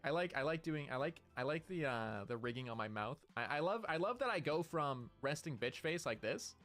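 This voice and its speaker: A man's voice: fairly high pitch, expressive, brisk, a bit bright, soft background music. A man streaming live, chatting in a hyped, playful, rambling way about his model and schedule. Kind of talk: casual live-stream chat.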